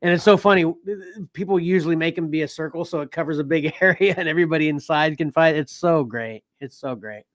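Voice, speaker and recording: A man hosting a casual comics podcast, rambling with restarts and quick laughs. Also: a little high, dry recording. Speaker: podcast host. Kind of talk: casual chat.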